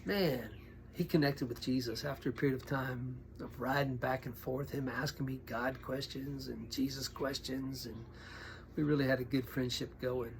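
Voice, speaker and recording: A middle-aged pastor telling personal stories in an animated way, sometimes dropping to a near whisper. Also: male voice, mid-range voice, normal speed, creaky, a little hiss or hum. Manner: animated, acts out quoted voices, drops to a near whisper at tense moments. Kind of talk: storytelling monologue.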